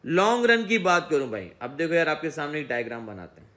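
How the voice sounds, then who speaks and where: Speaking fast in a fairly high, sing-song voice with a fairly bright tone, a man teaches economics in a recorded class lecture. He keeps quizzing himself and supplying the answers, over and over.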